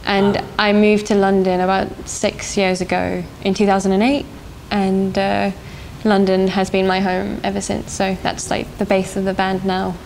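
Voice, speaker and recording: A woman's voice: mid-range voice, completely flat delivery, moderate pace, creaky, hardly any pauses, a little mellow, poor audio. Young South African-born woman singer, hesitant. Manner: thoughtful, hesitant, laughs often. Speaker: band singer. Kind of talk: casual interview answers. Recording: faint background noise.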